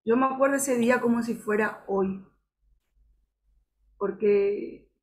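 A woman on a video call giving a slow, reflective personal testimony, halting often and restarting her sentences. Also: fairly high pitch, darkish tone. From Paraguay border region. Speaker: audience member.

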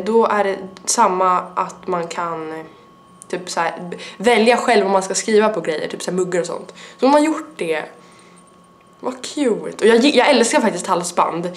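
A young adult woman with a stuffy nose, rambling in a casual vlog chat with lots of fillers. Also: mid-range voice. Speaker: vlogger.

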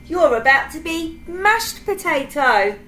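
A woman's voice: high-pitched, big pitch swings, slow, pushed and bright, soft background music, pitched above the performer's own voice, exaggerated voice. A woman voicing an evil little pea villain with a shrieking, gloating manner in a storybook reading.

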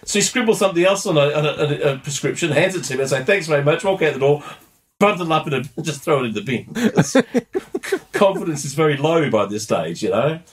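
A middle-aged man telling a story on a podcast in a casual, animated way, laughing and restarting often. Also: on the high side, a little fast. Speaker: podcast co-host.

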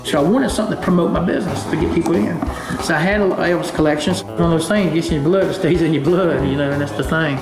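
A middle-aged man in a roomy antiques shop talks quickly about himself. He is boastful and self-promoting, and his voice sits a little high. Music plays behind him. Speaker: shop owner. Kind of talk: casual interview.

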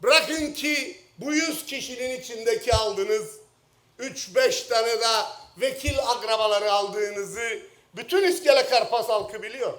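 Impassioned middle-aged Cypriot MP at a lectern microphone, pitched high, roomy hall sound. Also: male voice. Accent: Turkish Cypriot. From Northern Cyprus. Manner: speaking at a lectern microphone in the chamber; impassioned, swings from low jabs to shouted outbursts. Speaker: member of parliament. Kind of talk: parliamentary floor speech. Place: parliament chamber. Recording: roomy chamber echo.

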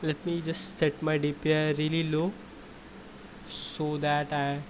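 A young man with a North Indian accent and Hindi as his first language gives casual gameplay commentary. His voice sits a little high. He is excitable and playfully boastful, on a recording with slight background noise. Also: measured pace, poor audio. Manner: mock-boastful, excitable, repetitive exclamations. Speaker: gaming YouTuber.

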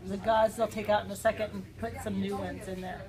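A woman's voice: mid-range voice, level tone, brisk, a little mellow. A woman chatting casually in an amused, reassuring way, explaining things simply to a patient. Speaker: companion of a patient. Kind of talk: casual chat. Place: small curtained recovery room indoors. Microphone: handheld phone.

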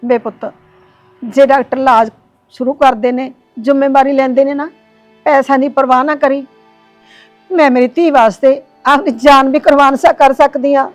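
A woman acts out an elderly village mother, tender and devout, pleading softly in a high voice. She consoles and begs by turns in a drama scene. Faint music runs beneath her. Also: steady tone, normal speed, natural voice. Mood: grieving. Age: older. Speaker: actor.

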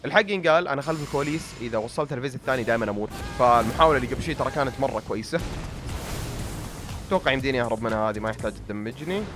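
Over background music, a young man with a Gulf Arabic accent races through medium-pitched gameplay commentary for his YouTube channel. He sounds worn out and strained, complaining and joking at his own expense while addressing viewers directly.

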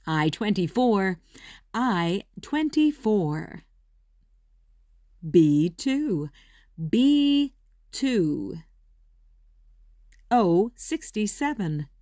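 A woman working as a bingo caller, announcing in short, measured, deliberate calls and repeating each one. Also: mid-range voice, warm tone, dry recording, clean studio sound. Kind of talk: bingo calling, each number announced twice.

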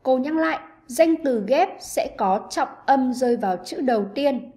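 A woman teacher giving an online English lesson to pupils, explaining grammar with clear, patient pacing. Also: high-pitched, expressive, moderate pace, dark tone.

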